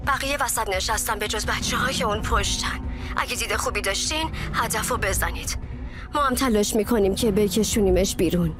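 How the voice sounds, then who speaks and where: A woman's voice: medium pitch, natural voice. A woman dubbing film dialogue as a commanding female police team leader who speaks firmly. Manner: firm, commanding. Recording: music score underneath.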